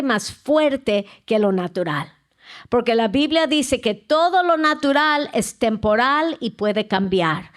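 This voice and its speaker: A woman pastor, her voice sitting a little high. She preaches at an unhurried pace, searching for words, restarting her phrases and dotting her sermon with "amén". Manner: slow, searching delivery with many restarts and frequent "amén".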